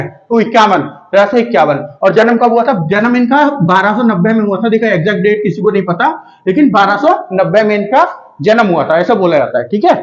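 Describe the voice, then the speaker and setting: A man teaching a casual history lesson for exam students, asking himself questions and answering them, checking in with listeners often. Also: sits high. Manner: rhetorical questions answered himself, frequent checks like "theek hai". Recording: dull lo-fi recording.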